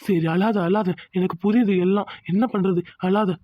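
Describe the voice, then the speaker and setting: A woman's voice: mid-range voice, fairly even intonation, normal speed, dry recording, lightly acted. A woman voicing a firm, protective young husband who lectures and reassures his wife. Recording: dull lo-fi sound.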